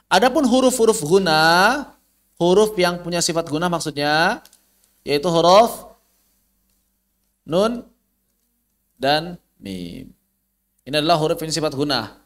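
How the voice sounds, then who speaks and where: Slow, patient Indonesian tajwid teacher. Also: male voice, sits high, animated, fairly bright tone. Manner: slow, patient, demonstrates letter sounds aloud. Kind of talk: online tajwid lesson.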